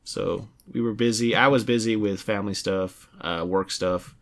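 A man's voice: fairly low pitch, steady tone, moderate pace, creaky, a bit bright. A young adult man hosting a casual video game podcast, talking in a rambling way with many restarts and fillers. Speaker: podcast host.

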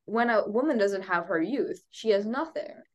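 In a lo-fi recording, a young woman co-hosting a podcast chats casually at a moderate pace, her medium-pitched voice lively in intonation but congested. She rambles, restarts often, uses lots of fillers and laughs a lot.

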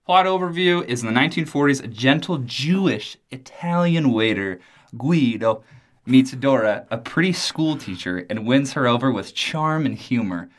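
A man of middle pitch co-hosts a relaxed movie review show. He reads out facts and stats, then jokes and teases his partner, laughing often. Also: normal speed. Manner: joking, teasing, laughs often. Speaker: podcast co-host. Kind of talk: casual movie review chat.

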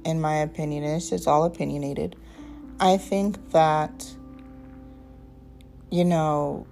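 A woman in her twenties hosting a casual faith-based podcast, talking in a relaxed, rambling way with many ums and asides. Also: low-pitched, slow pace, gravelly, soft background music. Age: 20s. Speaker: podcast host.

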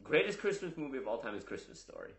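A man's voice: medium pitch, sing-song, fast talker, fairly bright tone. A young man co-hosting a podcast, chatting playfully and teasing his co-host. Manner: playful and teasing, jumps between topics. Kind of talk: casual chat. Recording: echoey room.

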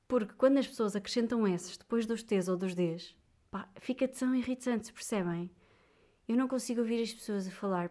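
A young woman from Viseu with a European Portuguese accent, ranting animatedly and casually to her viewers, full of little fillers. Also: medium pitch. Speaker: vlogger. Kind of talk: casual chat.

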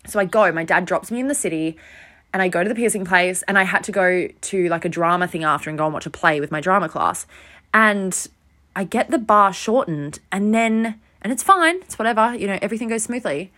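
Young adult woman, podcast host, casual storytelling, animated, self-deprecating, overtired. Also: mid-range voice, a little fast.

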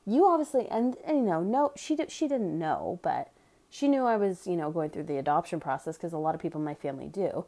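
A woman's voice: lowish voice, animated, brisk, warm tone. A woman candidly telling a personal story in casual chat, blunt and chatty with sarcastic asides.

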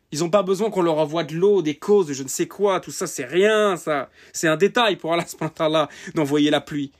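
A male preacher in an impassioned religious rant, swinging from loud emphatic outbursts to quiet sarcastic asides and repeating key phrases. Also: on the high side.

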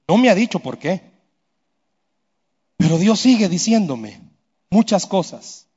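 A man's voice: sits high, long reverb tail, lo-fi sound. A man preaching a sermon with personal testimony, talking in an earnest, emphatic way. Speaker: pastor.

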